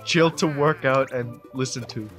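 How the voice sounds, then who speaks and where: A man rambling through casual gameplay commentary, excitable, with sudden yelps and outbursts. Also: mid-range voice, measured pace, soft background music. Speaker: gamer doing a Let's Play.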